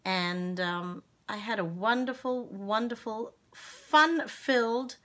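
Her voice is a little high with a sharp tone as this woman in her forties, from Zimbabwe, runs a children's singalong stream from home. A webcam at desk distance picks her up in a room with plants and curtains. Slow-paced and cheerful, she chats, sings, and affectionately welcomes viewers by name.

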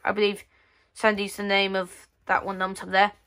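The host of this magazine flip-through video, a woman at an indoor tabletop, reads bits aloud and offers casual page-by-page commentary in hesitant, rephrased sentences. Her mid-range delivery is completely flat and moderate in pace, with a bright, forceful tone.

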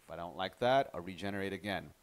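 A man with a fairly low voice walks viewers through a software tutorial. He is chatty and relaxed, often trailing off and restarting his sentences. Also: fast talker, a crowd in the background. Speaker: tutorial host. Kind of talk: casual screen-recorded software tutorial.

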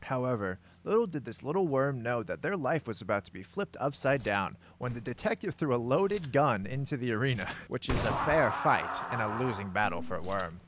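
A man's voice: medium pitch, very animated, moderate pace, few pauses, noisy background. Man narrating with mock-dramatic flair. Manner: grandiose phrasing mixed with casual swearing. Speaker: narrator of a gameplay story.

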